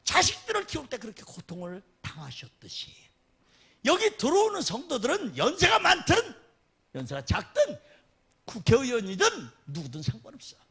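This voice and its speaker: A man preaching a sermon as a guest pastor, animated and often laughing as he tells stories. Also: moderate pace, gravelly, husky. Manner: animated, laughing, dramatic swings in pitch.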